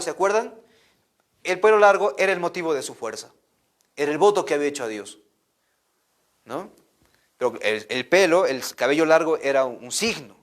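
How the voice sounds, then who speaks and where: Animated high-voiced Peruvian catechist. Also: male voice. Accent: Peruvian Spanish. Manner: animated, repetitive, asks "¿no?" often. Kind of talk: Bible storytelling for children.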